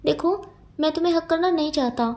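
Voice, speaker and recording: A woman's voice: high-pitched, brisk, darkish tone. A woman voicing a stubborn, defiant young man in a storybook reading, curt and dismissive.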